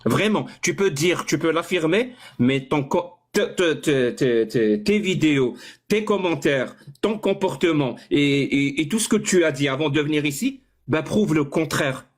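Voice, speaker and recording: This debate participant sounds fairly high-pitched and expressive, speaking at a normal speed. He argues insistently in a heated online exchange, often tripping over and repeating his words as he pushes on.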